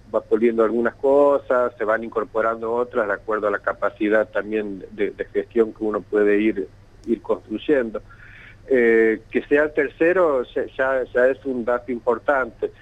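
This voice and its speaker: A medium-pitched man from Santiago del Estero, Argentina, speaks with the local Argentine Spanish accent as an event organizer in a radio interview. He sounds hesitant and often repeats words, heard over a bad, tinny, choppy phone line.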